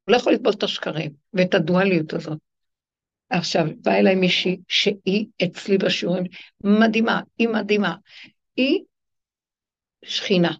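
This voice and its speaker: A woman teacher gives a spiritual lecture to her class, her voice rough and gravelly. She talks emphatically and acts out the people in her stories. The recording is dull and lo-fi. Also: medium pitch, steady tone, pauses often. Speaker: religious teacher leading women's classes.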